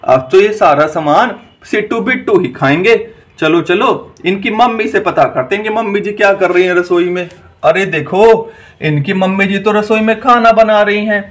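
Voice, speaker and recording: A man's voice: high-pitched, moderate pace, fairly bright tone. A man narrating a toy-doll story in an eager, exclaiming, repetitive way.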